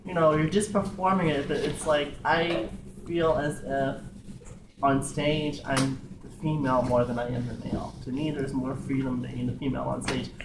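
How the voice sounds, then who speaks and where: A man's voice: mid-range voice, steady tone, normal speed, noisy background. Man, club member, rambling and self-interrupting; distant mic, echoey room. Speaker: club member, drag performer. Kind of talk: casual group discussion. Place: meeting room.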